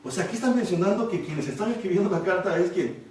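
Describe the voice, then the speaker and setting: A pastor's fast, high, darkish-toned voice carries through an echoey room, captured by a distant mic. He preaches a Bible study sermon, explaining the text at length and regularly checking in with rhetorical questions.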